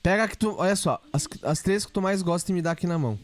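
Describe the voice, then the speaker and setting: A man's voice: sits high, animated, quick pace. A man, hosting a podcast in a playful, chatty way and scolding a child now and then. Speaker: podcast host. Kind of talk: casual chat.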